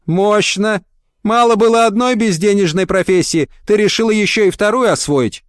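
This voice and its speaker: A man's voice: moderate pace, no room sound, natural voice. Guy putting on a bossy crude lady interviewer, chesty voice, barks questions, dry close sound. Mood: brash. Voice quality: low chesty voice. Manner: blunt, mocking, barks questions. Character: brash, crude middle-aged woman office boss.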